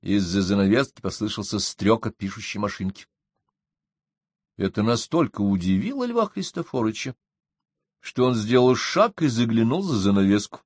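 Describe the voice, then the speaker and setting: A man narrating a story in a lively, expressive reading. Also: on the low side, moderate pace, dry recording, studio quality. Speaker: audiobook reader. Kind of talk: scripted narration.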